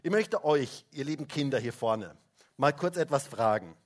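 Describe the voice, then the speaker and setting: A man's voice: mid-range voice, expressive, normal speed. A man preaching a Christmas sermon in a church service, chatting with the children and often tagging questions with "hä?". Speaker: pastor. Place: church service, also livestreamed.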